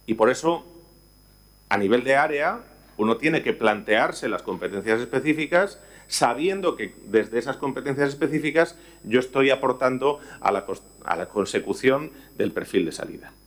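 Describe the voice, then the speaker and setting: A man's voice: mid-range voice, expressive, normal speed. Male presenter from Spain, mid-range voice, explanatory lecture delivery with frequent check-ins. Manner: explanatory, frequent "¿vale?" checks and self-corrections. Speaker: education ministry presenter. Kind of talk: live curriculum training talk.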